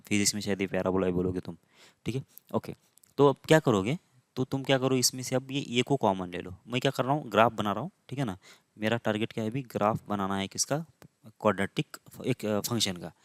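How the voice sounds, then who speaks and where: A man's voice: lowish voice, dry recording. A male math teacher giving a conversational whiteboard lecture, often stopping to check that students follow.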